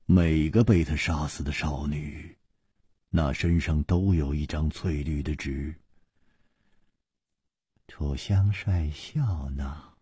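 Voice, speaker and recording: A man telling a martial-arts novel as a radio story, with sweeping dramatic rises and falls in loudness and pitch. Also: dry recording, studio quality. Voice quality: husky.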